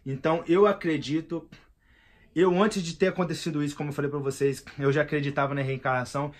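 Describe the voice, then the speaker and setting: A man's voice: on the high side, steady tone, fast talker. A man in his thirties with a Brazilian Portuguese accent, vlogging in a slangy, emphatic, rambling monologue. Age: 30s. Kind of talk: casual monologue.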